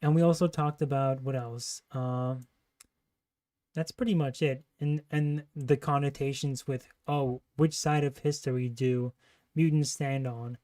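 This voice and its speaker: A man's voice: medium pitch, fairly even intonation, measured pace, warm tone. A man hosting a livestream, giving casual, critical commentary as he reacts to a trailer. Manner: critical, disparaging.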